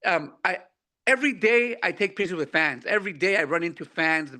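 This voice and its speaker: A man guest comedian with an unexpectedly high voice, chatting casually in slang with many restarts. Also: expressive, a little fast, sharp tone. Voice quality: unusually high voice for his look. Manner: laid-back slangy talk, many repeats. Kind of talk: casual interview chat.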